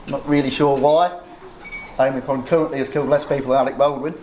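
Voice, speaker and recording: A man's voice: medium pitch, steady tone, fast talker, muffled recording. A middle-aged man giving an informal, joking wedding speech as father of the bride, with a dry, self-deprecating, sometimes sweary delivery. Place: busy indoor wedding reception. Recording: noisy crowded room, loud ambience. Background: chattering, laughing guests.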